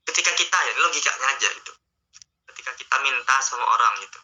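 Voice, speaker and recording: A male Islamic teacher talks his listeners through faith in a casual, coaxing way, addressing them directly. His voice is piercingly bright and tense. The sound is dull and lo-fi, like an online stream. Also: medium pitch, expressive, rapid-fire. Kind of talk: casual online religious talk.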